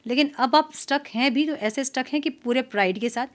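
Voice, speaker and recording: A woman's voice: high voice, brisk. Chatty woman giving a tarot reading. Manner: chatty, mixes English words into Hindi, frequent "so" and "theek hai". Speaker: tarot reader. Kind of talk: casual tarot reading monologue.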